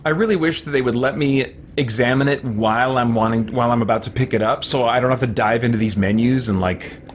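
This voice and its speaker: A fast-talking man with a medium-pitched voice hosts a let's play, chattily thinking aloud and muttering to himself as he plays. The recording is noisy, with video game sound and music behind his voice.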